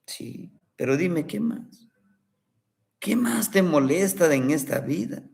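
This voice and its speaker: A gentle old grandfather speaks in soft, soothing tones, played by a male storyteller. The voice is slow and unhurried. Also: on the high side, expressive, gravelly, heavily acted.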